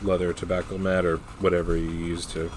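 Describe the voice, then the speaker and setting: A man with a low voice talks through a casual review. His delivery is unscripted and matter-of-fact, often halting as he looks for the next word. There is clear noise behind his voice throughout. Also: little pitch movement. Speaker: pipe tobacco reviewer.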